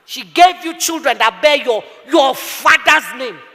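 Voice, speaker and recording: A middle-aged woman pastor, preaching fervently with rhetorical questions and shouted bursts. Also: sits high, lively intonation, unhurried, gravelly. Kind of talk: sermon. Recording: echoey hall.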